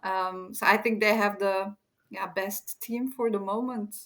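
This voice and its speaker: A woman explains immigration rules hesitantly, with many pauses and fillers. Her tone stays flat and level. She speaks at a middle pitch. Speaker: immigration lawyer guest. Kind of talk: explanatory interview answer.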